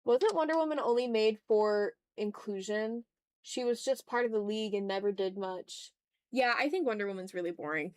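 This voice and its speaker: A woman streams herself drawing and chats casually, muttering little asides as she works. Her voice is medium-pitched at a moderate pace, with no room sound.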